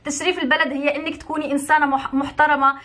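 Talking to camera in an opinion vlog, a young Moroccan YouTuber races through her points in a high voice with little pitch movement, pushed and bright. She is emphatic and indignant and repeats herself for emphasis.

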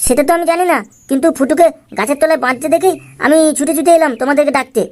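A woman's voice: sits high, very fast, darkish tone, close to an everyday voice. A woman voicing a little cartoon boy who urgently calls for help and brings news. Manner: urgent, pleading.

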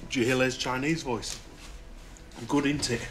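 An actor playing a gentle, childlike older brother who speaks slowly and simply. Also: male voice, medium pitch, steady tone, music in the background, natural voice.

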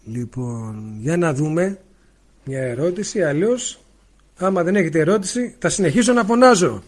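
A man giving a spiritual talk on a livestream, speaking loudly and emphatically into a faulty mic and asking rhetorical questions. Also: high-pitched, expressive. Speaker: spiritual teacher. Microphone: faulty mic, spoken loudly into it.

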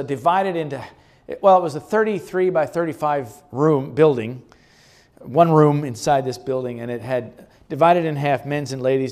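Man, guest speaker, church slide presentation, chatty, relaxed, mid-pitched voice. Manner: chatty and relaxed, with chuckles and frequent ums. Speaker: guest speaker presenting a health retreat ministry. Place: church meeting room.

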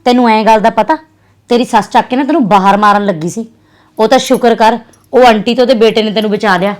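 A young woman with a Punjabi accent acting a sharp, scolding sister in a drama. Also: a little high. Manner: scolding and fast-talking. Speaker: actress playing a sister.

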